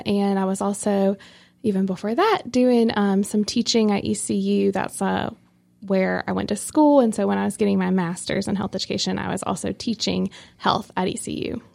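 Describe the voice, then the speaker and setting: A woman's voice: mid-range voice, gravelly, dark tone. A young woman from North Carolina, a health educator, answering interview questions in a friendly, explanatory way.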